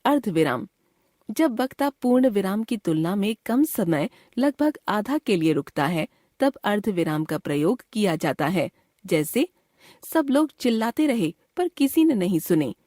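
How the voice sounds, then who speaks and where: A woman teacher reading a scripted grammar lesson in a clear, measured way. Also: mid-range voice, very animated, dark tone, no echo, studio quality. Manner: clear, measured classroom explanation.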